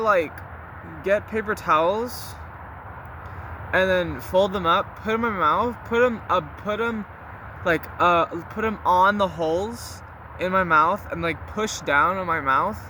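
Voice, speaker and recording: Young guy w slightly high voice rambling casually diary vlog style, slangy n sweary, noisy outside car sounds behind. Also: measured pace, pushed and bright. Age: young adult. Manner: rambling, slangy, mildly profane. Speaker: vlogger recording a spoken diary. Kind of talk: casual confessional chat to listeners.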